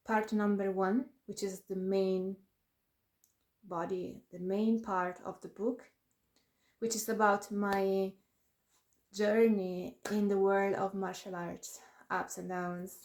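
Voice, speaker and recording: A woman's voice: medium pitch, darkish tone. A woman author chatting casually to camera about her new book, laughing often and making self-deprecating asides.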